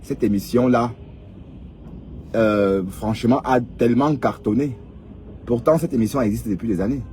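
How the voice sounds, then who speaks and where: This vlogger, a man in his fifties, speaks at a normal pace in a mid-range, slightly mellow voice against faint background noise. He delivers advice in a lecturing, repetitive way during a casual monologue, often prodding his audience with "hein?"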